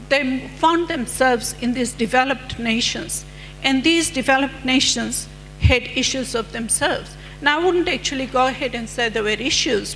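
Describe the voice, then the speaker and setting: Conference speaker: middle-aged woman, fairly high voice, measured lecturing delivery, reverberant hall with faint hum. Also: a bit bright. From Fiji. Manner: measured, lecturing with rhetorical questions. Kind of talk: conference presentation.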